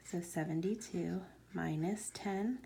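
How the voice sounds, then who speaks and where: A woman math teacher talking slowly through a homework lesson, explaining each step as she writes and sometimes dropping to a near whisper. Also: on the low side, gravelly, dark tone, a little hiss or hum. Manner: slow, step-by-step explaining while writing.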